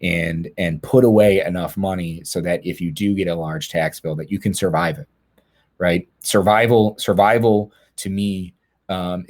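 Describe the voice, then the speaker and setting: A man with a deep, level voice speaks on a webinar panel over a video call. He talks earnestly and plainly as a lawyer, often doubling words when he starts a phrase again. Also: darkish tone.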